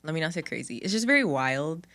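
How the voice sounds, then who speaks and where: A woman's voice: sits low, fast talker. A woman co-hosting a podcast who chats casually and teases her co-host. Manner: expressive, teasing. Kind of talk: casual chat.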